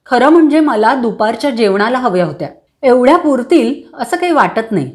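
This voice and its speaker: A woman's voice: a little high, very animated, a little fast, darkish tone. A woman reading a story aloud and voicing a boastful, stubborn young man who insists and taunts. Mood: cocky. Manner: cocky and insistent.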